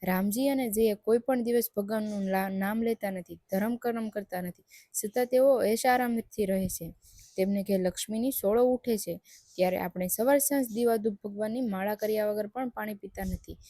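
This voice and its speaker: A woman narrating a devotional folk tale in a steady, measured reading. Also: medium pitch, no room sound, clean studio sound. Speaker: storyteller.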